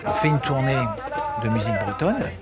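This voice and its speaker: A man's voice: medium pitch, sing-song, brisk, over loud music. Thoughtful man from New York. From New York, USA. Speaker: interviewee. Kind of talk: interview.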